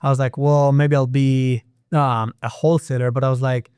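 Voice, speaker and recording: An Israeli man, a native Hebrew speaker with an Israeli accent, talks about lending as a guest on a casual podcast interview, where he works as a private real estate lender. His mid-range voice is a little mellow and clean, with little pitch movement and a moderate pace, and he restarts often. The recording is dry and studio quality.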